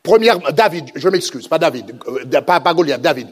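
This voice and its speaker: A male preacher giving an emphatic sermon, repeating words and pausing with frequent hesitations. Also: on the high side, expressive, slightly rough.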